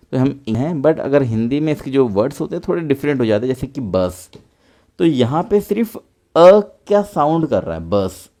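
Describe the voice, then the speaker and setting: A man teaching English pronunciation in a patient, repetitive way, spelling out words letter by letter and then saying them slowly. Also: medium pitch, mellow. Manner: patient, repetitive explaining, addresses viewers as friends. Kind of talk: explanatory online lesson.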